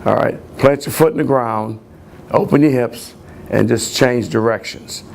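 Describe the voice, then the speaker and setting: Gravelly football coach guy walking through drills, a bit of hiss behind. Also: medium pitch, measured pace, a little mellow. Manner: plain, repetitive drill explanation with restarts. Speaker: running backs coach. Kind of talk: coaching instruction.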